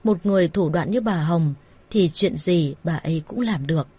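A woman narrating a first-person romance story in a plain, steady voice. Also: lowish voice, moderate pace, breathy edge. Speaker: story reader.

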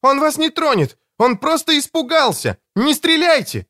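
A man lifts his voice into a teenage girl who is anxious but brave. Her delivery is soft and pleading, sometimes close to a whisper. The audiobook recording is dry and close. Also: on the high side, big pitch swings, moderate pace, no echo, pitched above the performer's own voice. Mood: screaming. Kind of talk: audiobook character voice.

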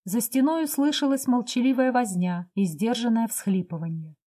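A woman reads classic literary prose aloud for an audiobook. Her delivery is measured and expressive, and her voice sits fairly high for a woman. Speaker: audiobook narrator.

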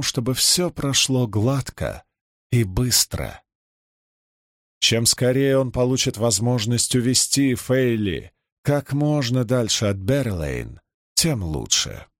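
A man reading a fantasy novel aloud as an audiobook narrator, in slow, expressive narration with lively pitch swings. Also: no echo, studio quality.

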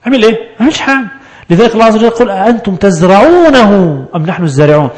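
A man with an Egyptian Arabic accent giving a religious lesson on Quran verses, lively and full of rhetorical questions. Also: sits high. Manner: animated, rhetorical questions, quick asides. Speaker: Quran teacher.

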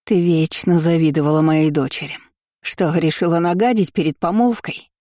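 A woman voicing a harsh middle-aged aunt who scolds and shouts. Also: low-pitched, moderate pace, no room sound, studio quality, lightly acted. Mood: furious.

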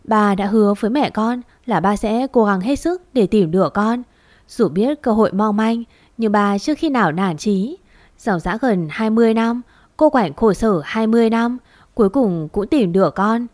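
A woman voicing an aging, gentle father who speaks slowly in a choked, pleading way. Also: medium pitch, no room sound, lightly acted. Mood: tearful.

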